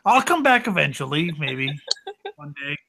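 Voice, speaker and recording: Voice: medium pitch, sing-song, normal speed, vocal fry, bright, forceful tone, slight background noise. A player joking and laughing through tabletop game banter, often restarting sentences.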